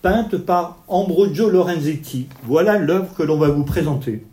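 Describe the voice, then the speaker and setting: A man's voice: on the high side, a little slow, dark tone, slight background noise. A man lecturing on art history at an evening talk, explaining paintings step by step while pointing out details and talking with his hands. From Italian family background.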